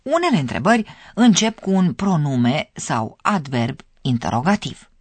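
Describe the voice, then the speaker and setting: A narrator explains a radio language course in a measured way, with a lively, varied intonation. The voice sits at a middle pitch in a dry studio recording. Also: dry recording.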